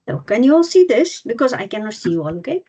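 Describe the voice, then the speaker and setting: A woman in her fifties from Nepal and India presents an online webinar as a cross-cultural trainer, explaining step by step with many fillers and restarts. Her voice is a little high, sing-song and fast, warm yet slightly rough. The video call audio is dull and lo-fi.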